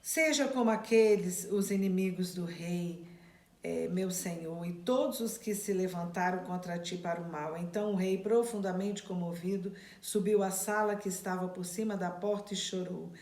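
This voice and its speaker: A woman's voice: fairly low pitch, moderate pace, darkish tone, reverberant. A woman who reads scripture aloud and then retells it in plain, casual words to her class. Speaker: Bible study teacher. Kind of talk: Bible reading and teaching.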